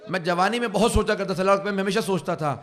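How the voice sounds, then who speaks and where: A man preaching a mourning sermon, telling a sorrowful story slowly and rising at times to anguished cries. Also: high-pitched. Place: religious centre hall.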